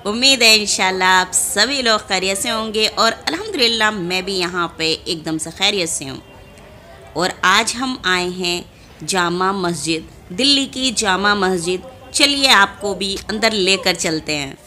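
Her voice is medium in pitch, pushed and bright, as this young woman talks straight to her viewers in a casual travel vlog. She's outdoors in a large mosque courtyard, filming on a phone at arm's length, and the recording picks up plenty of outdoor noise.

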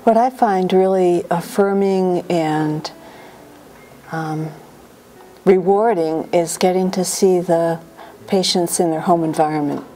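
Mellow, lowish-voiced woman, a thoughtful nurse. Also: takes it slowly. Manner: earnest, thoughtful. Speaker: hospice nurse. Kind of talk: personal reflection. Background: soft guitar music.

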